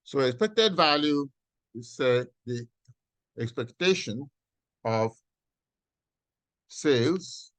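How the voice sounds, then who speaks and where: A man teaching an online class as a professor, explaining step by step in a halting, deliberate way and often checking in with "okay". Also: mid-range voice, lively intonation, dry recording. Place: video call with screen sharing.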